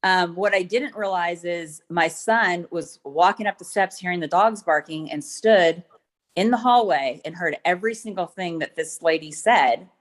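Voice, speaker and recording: A woman's voice: fairly low pitch, normal speed. A middle-aged woman giving courtroom testimony, hesitant and full of ums as she retells events step by step. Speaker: witness.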